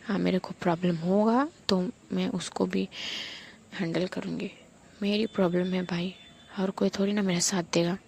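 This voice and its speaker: A woman's voice: fairly low pitch, fairly even intonation, moderate pace, vocal fry, slight background noise. A woman voicing a bold, hot-tempered young woman in love who snaps in anger and then teases. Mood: hurt, angry. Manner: sharp and bold, then teasing.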